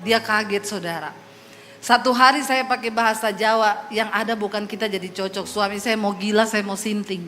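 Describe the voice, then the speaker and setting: A woman from Sulawesi giving her testimony as a preacher, a lively storyteller who slips into voices. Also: medium pitch, normal speed, slight background noise. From Sulawesi, Indonesia. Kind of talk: testimony sermon. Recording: long hall reverb with faint music.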